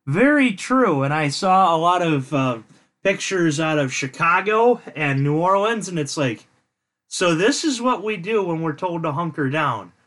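A man with a high voice hosts a casual podcast, talking in a jokey, rambling way and wandering into tangents. His tone is bright and lively. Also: a little slow. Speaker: podcast host. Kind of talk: casual chat.

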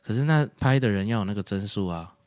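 Low-voiced man chatting casually. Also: animated, very fast, darkish tone, dry recording. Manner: rambling, explanatory, many fillers and restarts. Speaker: podcast co-host. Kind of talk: casual chat.

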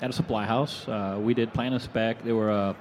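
This lower-voiced man talks briskly, with a little hiss or hum behind him. He's a Venezuelan product manufacturer in his forties, appearing as a guest at a live expo and spinning a casual, wandering, animated tale complete with acted-out quotes.

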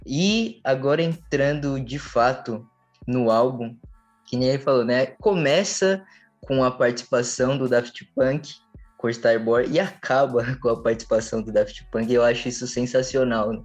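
A young man with a Brazilian Portuguese accent gives a casual music review at a middling pitch. His phrasing is informal and a little hesitant. Soft music sits behind his voice. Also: moderate pace, highs cut off. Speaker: music podcast panelist.

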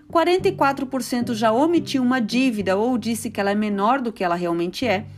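A woman hosting a personal finance podcast, speaking in a clear, measured way as she reads through statistics. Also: a little high. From Brazil. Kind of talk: scripted podcast monologue.

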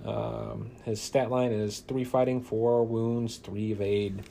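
A man's voice: on the low side, level tone, creaky, warm tone, slight background noise. A man playing a card game alone, reading card text dramatically and chatting casually about his play. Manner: casual, halting with fillers, reads flavor text dramatically. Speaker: solo card game player.

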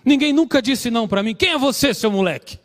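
A man voicing an indignant, proud teenage girl, shrill and scolding, in a reverberant church hall. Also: sing-song, fast.

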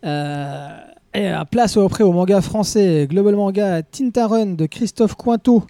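High-voiced joking podcast host. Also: male voice, a little slow, creaky, mellow, dry recording, studio quality. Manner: joking, with many hesitant fillers. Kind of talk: casual podcast chat. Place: live in a café.

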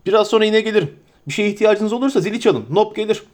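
A man reading aloud and voicing a stout, bustling, forgetful middle-aged innkeeper who chatters in a hurried, flustered way. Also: sits high, a little mellow, voice pushed up, lightly acted.

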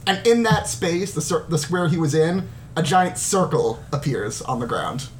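A man with a high voice for his sex acts as game master. He narrates a tabletop game in a casual, conversational way, with faint noise behind him. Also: lively intonation, normal speed.

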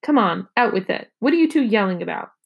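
A woman's voice: mid-range voice, lively intonation, fast, vocal fry, husky, muffled recording. A worried mother calling out sharply, as a woman reading a storybook puts her on. She sounds tired underneath. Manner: sharp calls, weary.

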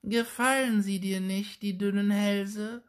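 A man voicing a spiteful old crone who mutters slyly in a creaky, croaking voice. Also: high voice, fairly even intonation, pitched above the performer's own voice. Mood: muttering, sly. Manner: muttering, drawn-out, sly.

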